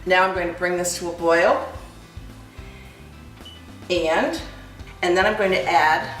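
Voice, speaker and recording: A woman hosting a cooking demonstration, explaining each step in a chatty, unhurried way. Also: lowish voice, steady tone, a bit bright, recorded from a distance. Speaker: cooking host. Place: kitchen. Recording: echoey kitchen, from afar, light music.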